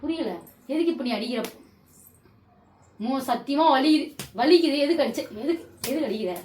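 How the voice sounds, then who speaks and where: A woman's voice: high-pitched, moderate pace, a little mellow, far from the mic. A sleepy young woman at home at night, scolding her partner again and again in a heated, repetitive argument, sounding worn out and annoyed. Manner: scolding, repeats demands, drained and annoyed. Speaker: vlogger in a couple prank video. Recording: echoey room, voice off-mic, faint hiss.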